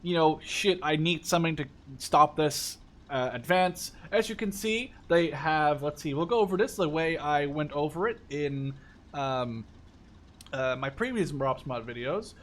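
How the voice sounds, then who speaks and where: With a somewhat high, slightly bright voice, a young man from the Netherlands in his 20s casually rambles through an excited game rundown for his gaming channel. Background noise is clearly present.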